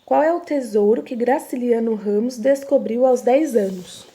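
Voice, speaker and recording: A woman's voice: a little high, normal speed, mellow. A young woman teaching a recorded reading lesson to young children, with a Brazilian Portuguese accent, patient and drawn out, repeating each word. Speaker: primary school teacher.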